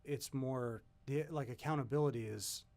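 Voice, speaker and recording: A man's voice: medium pitch, normal speed, darkish tone. Podcast co-host, man, mid voice, rambling and hesitant. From Pacific Northwest of the US. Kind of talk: casual chat.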